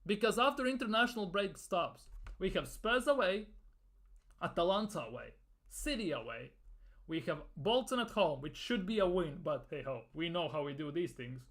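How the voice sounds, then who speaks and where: Exasperated sarcastic man, lively pitch. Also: moderate pace. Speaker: football fan vlogger. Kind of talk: ranting fan commentary.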